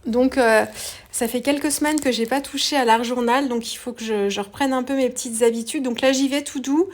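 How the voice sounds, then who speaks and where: A woman narrating a craft tutorial in a relaxed, hesitant way, with many fillers. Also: sits high, a little fast.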